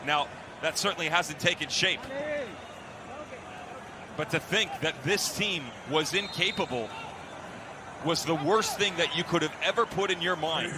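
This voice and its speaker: A man's voice: a little high, moderate pace, background noise. A man giving live soccer analysis as color commentator, explaining plays emphatically.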